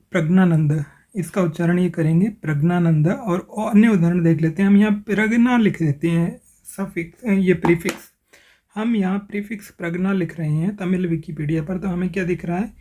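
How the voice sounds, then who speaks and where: Mellow-voiced man explaining pronunciation. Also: high-pitched. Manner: careful, slows to spell out sounds. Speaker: language explainer. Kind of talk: explanatory tutorial, reading from screen.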